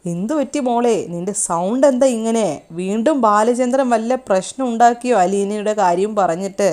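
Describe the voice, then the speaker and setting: A protective older brother speaks loudly and fast, scolding one moment and soothing the next, as a woman narrator reads his part. The voice stays close to her own, recited rather than acted. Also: fairly high pitch, close to an everyday voice. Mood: worried, defensive. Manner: loud, scolding, quick. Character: protective older brother, angry then coaxing.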